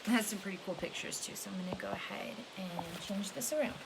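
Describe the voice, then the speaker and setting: Reading a picture book to children, this woman speaks at a medium pitch with an animated, quick delivery. She stretches important words and slips in offhand comments, all captured on a hissy home recording with noise behind her.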